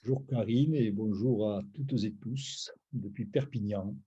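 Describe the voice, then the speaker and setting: Here a food brand founder in his sixties, originally from Roussillon in the south of France, tells his life story as a guest, wandering through anecdotes and digressions. His voice sits on the low side, mellow and slightly rough, at a measured pace, and the recording has a lo-fi quality.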